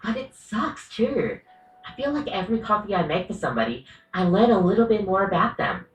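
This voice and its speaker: A woman's voice: medium pitch, big pitch swings, fairly quick, roomy sound, recorded from a distance, faint music behind, natural voice, low-quality recording. A woman voicing a rambling, coffee-obsessed female coffee machine barista in a video game, often apologizing and correcting herself.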